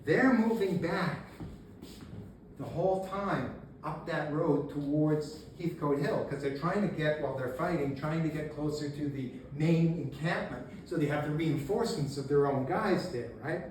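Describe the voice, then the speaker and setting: A man giving a casual local history talk to an audience, telling the story with energy and acting out shouted lines and laughing along the way. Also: fairly high pitch, moderate pace. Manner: animated storyteller, acts out shouted quotes, laughs often. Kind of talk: casual public lecture. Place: meeting room with audience. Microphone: distant camera. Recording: echoey room, faint noise, mic far off.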